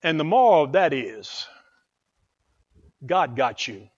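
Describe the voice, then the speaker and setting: In this lo-fi recording, a man whose voice sits fairly high delivers a sermon at a slow pace. He recounts a story dramatically and keeps repeating phrases to drive them home.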